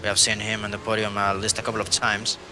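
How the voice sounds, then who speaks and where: Low-voiced analytical co-commentator, noisy mic. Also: male voice, completely flat delivery, fast talker. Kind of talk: sim racing commentary.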